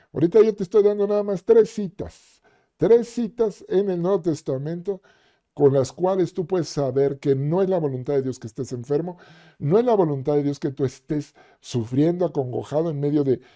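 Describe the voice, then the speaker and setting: A man's voice: fairly high pitch, warm tone. A man preaching a sermon in a conversational way, often checking in with the listener. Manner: conversational, with fillers and repeated questions to the listener.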